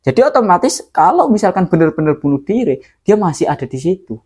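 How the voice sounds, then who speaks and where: A man's voice: sits high, very animated, fast, a little mellow, slightly rough. A man telling a true horror story in a casual, dramatic way, often speaking directly to his listeners.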